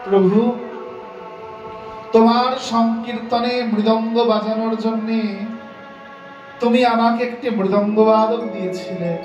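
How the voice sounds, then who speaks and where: A man's voice: extremely high pitch, slow, long pauses. A man voicing a serene devout father. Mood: resigned. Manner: calm, resigned devotion. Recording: roomy, distant, dull with music.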